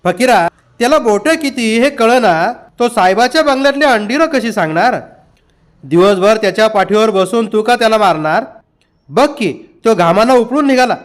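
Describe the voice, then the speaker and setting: A man's voice: sits high, lively intonation, normal speed. A man voicing a firm village mother in an audiobook, speaking in a chiding tone. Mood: stern.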